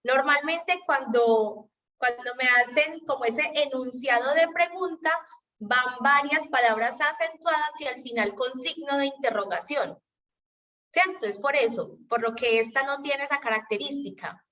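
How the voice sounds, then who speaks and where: Patient Colombian teacher, distant call audio. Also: female voice, high voice, a little slow, sharp tone, lo-fi sound. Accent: Colombian Spanish. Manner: patient, explanatory, checks understanding with "¿cierto?". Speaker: teacher leading an exam-prep class. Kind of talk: online class explanation.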